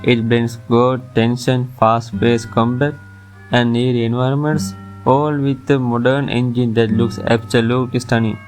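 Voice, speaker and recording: A man's voice: mid-range voice, level tone, normal speed, a little mellow. A man reading a scripted top ten countdown as its narrator, with music playing behind him. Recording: music under the voice.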